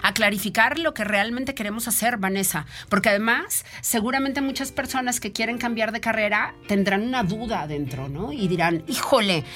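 A woman's voice: fairly high pitch, fairly quick, few pauses, a bit bright. A woman with a Mexican accent presenting and interviewing as a radio show host in a studio. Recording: music playing behind. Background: background music.

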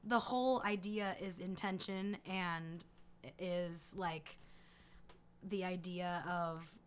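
A hoarse woman with vocal fry, co-hosting a podcast in rambling, filler-heavy casual chat. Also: on the low side, fairly even intonation, takes it slowly. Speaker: podcast co-host.

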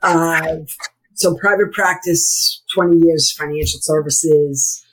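A middle-aged or older woman with a hoarse, froggy, croaking voice, talking conversationally as a podcast guest. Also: deep voice, fairly even intonation, slow, low-quality recording. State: hoarse, needing lozenges. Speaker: podcast guest, former lawyer. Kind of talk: conversational interview.

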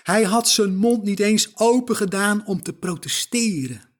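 A man preaching a sermon, slow and emphatic, putting rhetorical questions straight to the listener. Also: sits high.

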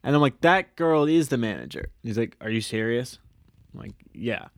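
A male podcast co-host casually tells a story, animated and swearing freely while acting out what people said. His voice is medium-pitched at a normal speed, recorded dry with studio quality.

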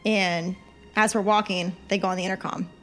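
A woman's voice: medium pitch, moderate pace, soft background music. A woman co-hosting a podcast, telling a story in casual chat and acting out the people in it. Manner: animated storyteller who acts out quoted people. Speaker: podcast co-host.

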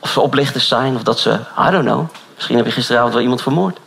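A man preaching with personal stories, animated and storytelling, his voice often rising high. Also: quick pace, vocal fry, a little hiss or hum. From Netherlands. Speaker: pastor.

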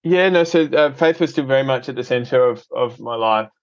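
A medium-pitched, brisk male voice, recorded with no room sound and with the highs cut off. He's an Australian from Adelaide who heads a film company, appearing as a podcast guest and speaking earnestly in casual interview talk, often repeating words as he restarts.

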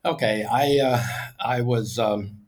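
An older American man from Oklahoma, over sixty, answering interview questions in a measured, halting way with frequent pauses. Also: mid-range voice, darkish tone. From Oklahoma, United States. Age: 60s or older. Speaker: podcast guest, business executive. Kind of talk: casual interview talk.

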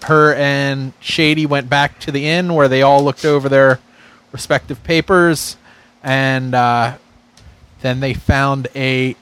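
A man giving a casual, unscripted recap on a tabletop game podcast, halting as he searches for words. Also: mid-range voice, fairly bright tone.

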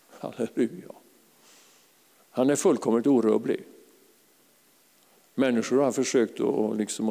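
A man preaching a fervent sermon to a congregation, calling out hallelujahs and sometimes rising to a shout. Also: mid-range voice, gravelly, in a large hall. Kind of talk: charismatic sermon. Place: church.

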